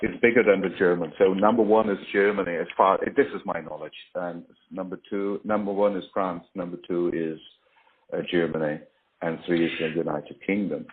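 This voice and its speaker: A man speaking as an industry expert in a business interview over a call, explaining in a hesitant, halting way. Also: low-pitched, steady tone. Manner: hesitant, halting delivery with pauses. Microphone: phone or online call. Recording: muffled call audio, faint typing noise.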